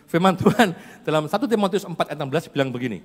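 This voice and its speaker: Guy preaching in church, really lively up-and-down voice, tells stories and laughs a lot, big echoey hall. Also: fairly high pitch, racing. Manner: chatty, animated storyteller who laughs often. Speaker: pastor. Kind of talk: sermon with personal storytelling. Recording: reverberant church hall, faint music.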